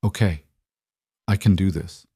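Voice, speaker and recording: A man's voice: low voice, measured pace, warm tone, slightly rough, dry recording, clean studio sound, full character voice. A man voicing a frightened but fierce young woman outcast in an audio story, speaking urgently and pleadingly. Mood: shaken.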